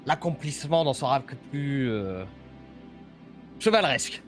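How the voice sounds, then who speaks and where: A man's voice: mid-range voice, expressive, unhurried, soft background music, lightly acted. A man playing an aging, pompous, stubbornly optimistic knight in a tabletop game, speaking grandly and hesitantly. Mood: pompous, weary. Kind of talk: tabletop role-play acting.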